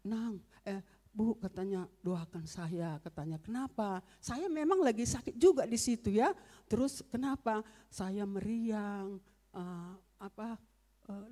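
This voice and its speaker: A woman's voice: mid-range voice, a little mellow. A middle-aged woman giving a storytelling testimony in a church service, acting out both sides of remembered conversations and calling the listeners brothers and sisters.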